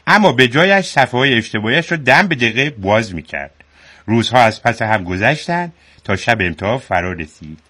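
A man's voice: fairly low pitch, bright, forceful tone. A man narrating a comic fairy tale in storybook style and breaking off to scold the actors.

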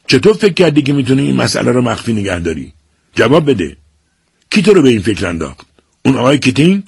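A man reading an audiobook and voicing a stern, furious middle-aged father who shouts orders at his son. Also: medium pitch, animated, husky, dry recording, studio quality, pitched above the performer's own voice. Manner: shouting, domineering.

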